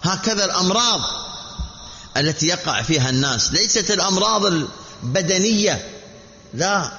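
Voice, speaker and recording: Male preacher, slightly high voice, measured sermon delivery, dull reverberant hall recording. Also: animated, pushed and bright, a little hiss or hum. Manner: measured, repetitive teaching delivery with rhetorical questions. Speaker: Islamic preacher.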